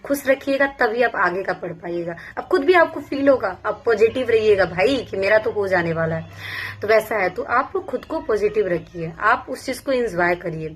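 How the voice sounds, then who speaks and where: A woman's voice: medium pitch, lively intonation, moderate pace. A young woman from Bihar, a police sub-inspector, giving casual, earnest study advice to exam aspirants and repeating her points as she goes. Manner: earnest, repetitive, speaks in first-person plural.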